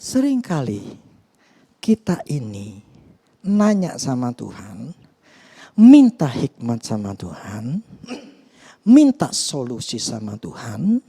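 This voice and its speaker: A man's voice: medium pitch, gravelly, mellow, slightly rough. A male pastor giving a conversational, earnest sermon, often hesitating and restarting with fillers. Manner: earnest, confessional.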